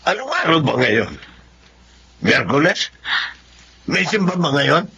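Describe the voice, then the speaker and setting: An actor playing a suspicious older husband in an audio drama, firing off quick, probing questions. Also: male voice, a little high, big pitch swings, bright, forceful tone, a little hiss or hum, full character voice.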